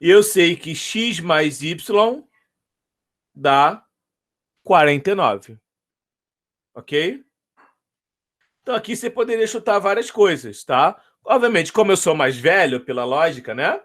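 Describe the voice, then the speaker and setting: A man's voice: a little high, expressive, takes it slowly, pauses often, a bit bright. A man with a Brazilian accent, teaching a math lesson, patiently repeating his points and checking in with the students. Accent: Brazilian Portuguese.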